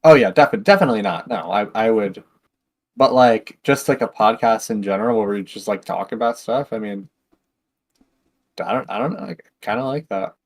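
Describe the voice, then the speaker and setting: A man's voice: on the low side, normal speed. A young man chatting easily with a friend. He is agreeable and hedges his points, stumbling and repeating words as he gets going. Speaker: co-host. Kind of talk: casual chat.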